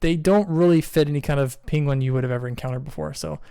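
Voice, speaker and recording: A game master narrating a tabletop game, describing scenes at length with plenty of fillers. His voice is smooth and fairly high for a man, recorded close and dry. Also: fast talker, warm tone, no room sound.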